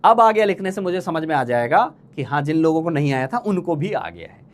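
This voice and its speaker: A man with a high voice teaching chemistry to exam students. He keeps firing the same question twice and teases the class fondly. His talk is quick and chatty, the way a coaching teacher talks. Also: big pitch swings. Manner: teasing, calls students playful names. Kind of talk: live online exam-prep lecture.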